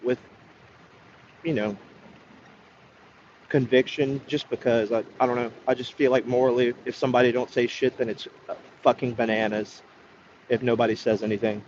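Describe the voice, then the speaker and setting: Man, livestream chatter, profane, halting restarts; muffled lo-fi audio. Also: mid-range voice, fairly even intonation, darkish tone, a little hiss or hum. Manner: rambling, profane, hesitant restarts. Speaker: livestreamer greeting chat. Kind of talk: casual livestream chat.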